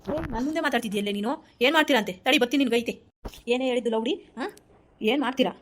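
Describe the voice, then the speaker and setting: Woman playing a rapid-fire scolding mother-in-law. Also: medium pitch, steady tone, darkish tone, natural voice. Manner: scolding, threatening. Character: furious middle-aged mother-in-law guarding family honour.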